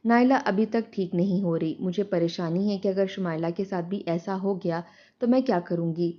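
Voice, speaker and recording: A woman's voice: medium pitch, dull audio, lightly acted. A woman doing an anxious village mother. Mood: worried. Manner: pleading, fretful.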